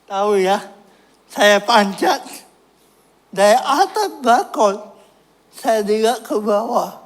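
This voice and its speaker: Guy preaching his testimony real slow, jokes about himself, gets earnest. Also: high voice, lively intonation. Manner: self-mocking, laughs at his own story. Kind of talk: personal testimony sermon.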